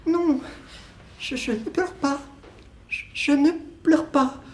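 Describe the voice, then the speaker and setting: A man's voice: extremely high pitch, slow, slight background noise, voice pushed up. A young man playing a young woman lover who turns aside questions with short, hesitant denials. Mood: tearful. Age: young adult. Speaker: student actor. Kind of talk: solo stage reading of a play. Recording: roomy echo.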